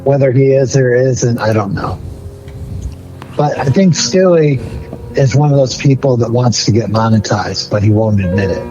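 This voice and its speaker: A man's voice: medium pitch, normal speed, highs cut off, music in the background. A man in casual, conversational talk with another video creator. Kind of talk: casual chat.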